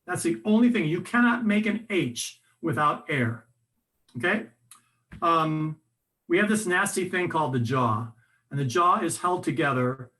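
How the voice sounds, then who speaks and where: A man's voice: on the high side, unhurried. A man presenting a voice workshop in a conversational, instructive way, often restarting his sentences. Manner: conversational, animated, with frequent restarts and fillers.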